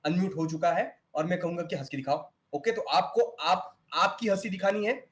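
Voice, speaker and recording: Animated Indian man teaching acting online. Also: sits high, moderate pace. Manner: animated, demonstrating laughs. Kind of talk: online class, mixing Hindi and English. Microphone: video call.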